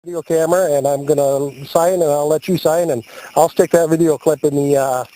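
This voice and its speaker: Speaking fairly quickly with fairly even intonation, a slightly high-voiced American man gives playful, casual commentary while filming a camping trip as a ham radio operator. The outdoor campsite recording, made on a handheld video camera, is noisy.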